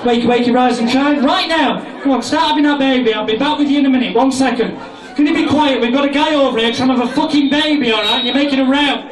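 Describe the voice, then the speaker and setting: A man's voice: very high-pitched, fast, a crowd in the background. A British man hosting a bawdy comedy hypnosis show, brash, sweary and commanding in his stage patter. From Britain. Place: live show in a large indoor venue. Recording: echoey crowded room, distant mic, noisy audience.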